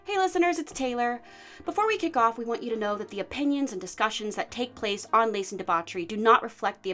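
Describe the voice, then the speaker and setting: A woman's voice: mid-range voice, pushed and bright. A young woman co-hosting a podcast in casual chat, bubbly and giggly, rambling with fillers. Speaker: podcast co-host; bookstore worker.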